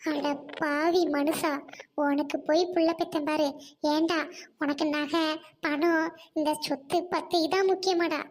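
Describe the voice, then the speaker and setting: Woman as a furious, very high-voiced village wife who hurls accusations at her husband. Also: fairly even intonation, unhurried. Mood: anguished. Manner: scolding, accusing, sharp retorts. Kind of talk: amateur family drama acting.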